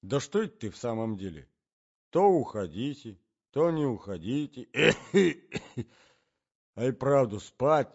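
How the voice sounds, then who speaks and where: A man's voice: sing-song, normal speed, mellow, lo-fi sound. A man voicing a feeble, fussy old husband who quavers and keeps coughing. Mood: rambling. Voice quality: quavering, high, interrupted by coughs. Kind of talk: audiobook character reading.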